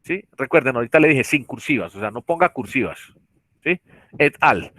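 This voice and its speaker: A Colombian man teaches a class online, talking through rules at a measured pace. He often restarts his sentences and keeps asking whether the students follow. His voice sits in a middle range, and the sound is dry and close to the mic. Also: medium pitch, lively intonation, fairly bright tone, no echo. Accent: Colombian Spanish. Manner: explanatory, repeats tag questions, frequent restarts. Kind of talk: virtual class lecture. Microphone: computer mic on a video call.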